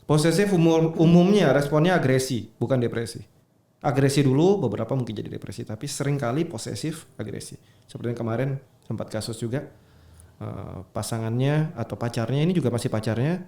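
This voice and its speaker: A man hosting a podcast discussion, leading the panel with questions and slow, emphatic phrasing. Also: medium pitch, creaky, warm tone, echoey room. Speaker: podcast host. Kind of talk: hosting a true-crime discussion.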